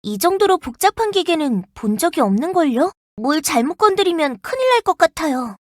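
A voice actress playing a young, earnest and protective firefighter in a game, polite and gentle, snapping into crisp radio-style reports. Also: female voice, extremely high pitch, sing-song, brisk, no room sound. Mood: calm, gentle. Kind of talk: game character voice lines. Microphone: dry studio mic.

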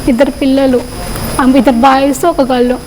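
Hesitant high-voiced woman, Telangana accent. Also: flat delivery, darkish tone, a little hiss or hum, rough recording. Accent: Telangana Telugu. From Telangana, India. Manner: halting, hesitant, plainspoken. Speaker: interview guest. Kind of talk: personal testimony in an interview.

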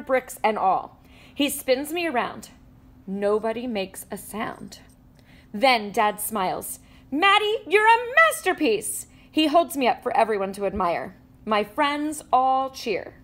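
Reading a children's picture book aloud at a measured pace, a woman lets her higher voice rise and fall line by line. Indoors at a table, she animates the story and performs its sound effects with playful energy.

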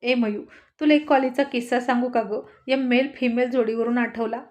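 A mischievous grown husband full of cheeky jokes, read by a woman narrator, his voice pitched a little high. He speaks in quick banter, as if leaning in with a grin, in a spoken storybook. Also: fairly even intonation, darkish tone, lightly acted. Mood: teasing. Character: playful teasing husband, grown man.

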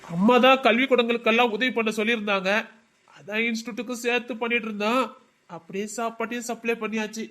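A man's voice: extremely high pitch, fairly even intonation, pushed and bright. A man playing a caring young friend who reassures his coworker and urges him to eat. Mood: reassuring. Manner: reassuring, brisk.

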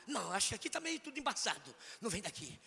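A man preaching with a Northeastern Brazilian accent, comic and fiery, swinging from mutters to shouts before a congregation. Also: high voice, very animated, racing, creaky, husky. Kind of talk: sermon. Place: church hall, in front of a congregation. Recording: echoey church hall.

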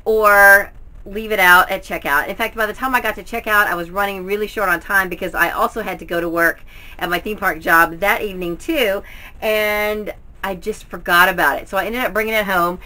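A woman's voice: medium pitch, fairly even intonation, fairly quick, bright, forceful tone. A middle-aged woman talking casually to camera at home, presenting books like a vlogger. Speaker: book haul vlogger. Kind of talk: casual, chatty book review to camera. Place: indoors at home, in front of bookshelves.

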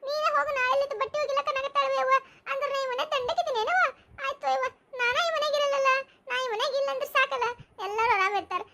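A self-pitying grown daughter, played by a woman, whines her complaints in a North Karnataka accent. Her voice is pitched very high and rushes along. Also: pushed and bright, heavily acted. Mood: whiny. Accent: North Karnataka Kannada. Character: whiny grown daughter of the house.

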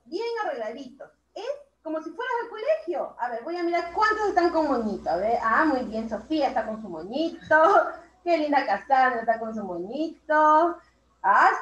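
Woman teacher, high voice, slow and drawn-out, heaps praise on small kids, roomy lo-fi call audio. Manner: slow, drawn-out words, warmly praising children. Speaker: primary school teacher. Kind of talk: online class instruction.

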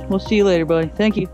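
A high-pitched man in his thirties, a kayak fishing vlogger, narrates casually while fishing outdoors, chatting excitedly and coaxing a fish in as he reels. He's recorded on an action camera, both mounted on the kayak and handheld, out on the water and at a waterside lot.

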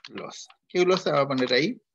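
A man's voice: on the high side, brisk, highs cut off, a little hiss or hum. A male accounting teacher leading an online class, patiently quizzing students step by step. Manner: questioning students, patient and methodical.

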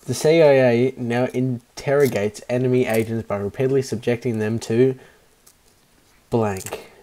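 A man hosts a casual online card game over voice chat, reading each card aloud between bursts of laughter. He teases the other players. His voice is mellow and a touch dark, at a middling pitch. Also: fairly even intonation, measured pace, slight background noise. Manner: reads cards aloud, giggly and teasing. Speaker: game host reading cards.

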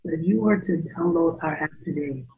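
Middle-aged founder from Canada, chatty guest, fairly high for a man, gravelly, heard through a webcam. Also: brisk, a little mellow, muffled recording, a little hiss or hum. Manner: chatty, many fillers and restarts. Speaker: startup founder interviewed. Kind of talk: video call interview. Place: room with teal curtains. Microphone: video call webcam.

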